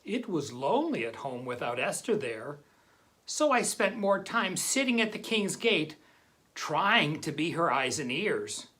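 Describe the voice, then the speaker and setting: A humble, devout man tells his story earnestly, as a woman plays him, in a low voice that still rises and falls a lot. It sounds like a storybook retelling. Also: very animated, measured pace, fairly bright tone, faint music behind, exaggerated voice. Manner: plain, earnest first-person telling.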